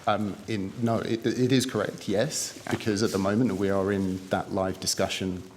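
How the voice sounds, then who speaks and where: A man with a very deep voice gives careful, guarded answers to a committee. The sound rings with a long reverb from a large hearing room, with faint noise underneath. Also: flat delivery, moderate pace. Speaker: government official giving evidence. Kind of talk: formal testimony.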